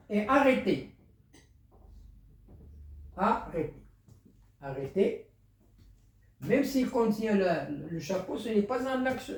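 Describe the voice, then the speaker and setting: A teacher explaining a French spelling lesson, slow, repetitive and patient. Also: medium pitch, a little mellow. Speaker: primary school teacher. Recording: roomy, distant from the mic.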